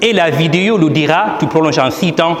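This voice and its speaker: A man's voice: fairly high pitch, brisk. A man, an imam, presenting his book as a teaching talk, explaining step by step and asking and answering his own questions. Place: large hall at a ceremony. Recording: echoey hall with long reverb.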